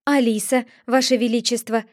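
A woman's voice: fairly high pitch, normal speed, no echo, studio quality, lightly acted. A woman voicing a bold, polite young girl. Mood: calm bold. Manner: polite, then calmly bold.

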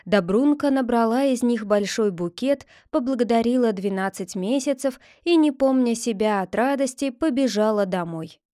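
Woman, fairy tale narration, calm and even, fairly high voice, dry room. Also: moderate pace, hardly any pauses, dry recording. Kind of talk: reading a fairy tale aloud.

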